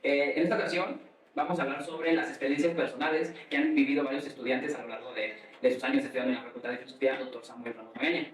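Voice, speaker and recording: Fast-talking young man, echoey room. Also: medium pitch, steady tone, far from the mic. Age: young adult. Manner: fast, rambling, many fillers. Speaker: host. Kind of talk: casual student podcast conversation.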